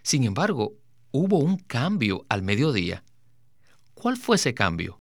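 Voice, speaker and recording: A man hosting a Bible study program, reading scripture slowly and deliberately. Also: mid-range voice, very animated, no echo, studio quality. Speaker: radio program host.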